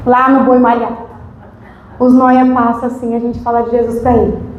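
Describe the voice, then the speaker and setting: A woman's voice: on the high side, moderate pace, reverberant, muffled recording. A woman deaconess from Brazil, giving a testimony sermon and acting out conversations as she tells the story. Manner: animated storytelling, acting out dialogue. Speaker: deaconess preaching. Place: church service.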